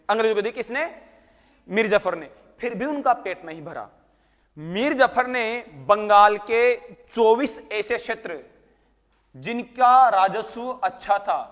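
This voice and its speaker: Guy teacher lecturing a class, kinda high voice, teases the kids, answers his own questions, reverb in the room. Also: a bit bright. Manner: teasing, talks to students by name; asks questions and answers them himself.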